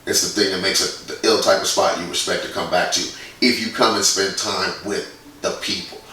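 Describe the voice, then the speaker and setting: A man's voice: sits low, fairly even intonation, brisk, bright, forceful tone, very echoey, recorded from a distance, slight background noise, poor audio. Blunt, profane man in his forties. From Indiana, USA. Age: 40s. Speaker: guest, graffiti artist. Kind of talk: casual interview.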